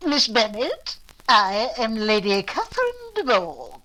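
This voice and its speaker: A woman's voice: a little high, huge pitch swings, slow pace, loud music behind the voice, exaggerated voice. A woman acting a pompous, imperious older aristocratic lady in a 1940s-style radio drama, with a commanding, formal manner. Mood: haughty.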